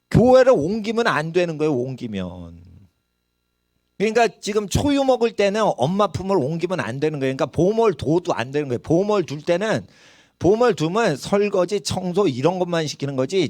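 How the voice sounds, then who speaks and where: Male pastor, middle-aged, lively sermon delivery, dry close sound. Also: sits high, no room sound. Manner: animated preaching, dramatizing quoted voices and regional dialects.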